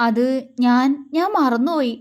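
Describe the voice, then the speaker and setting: A bashful young heroine in an audio romance, faltering and hesitant, breaking off and restarting her sentences. She is voiced by a woman narrator with a high voice and soft delivery. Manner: hesitant, halting speech. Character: shy, timid young woman in love.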